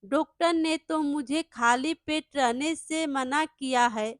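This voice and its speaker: A woman voicing a frail, sick young woman who speaks softly and weakly, in a storybook reading. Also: high voice, slow pace.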